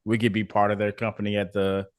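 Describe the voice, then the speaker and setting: A man's voice: on the low side, fast talker, dry recording, studio quality. A man, an agency owner, talking casually in an interview, acting out what clients say and trailing into long run-on sentences. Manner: animated, acts out client quotes, trails off in long run-ons.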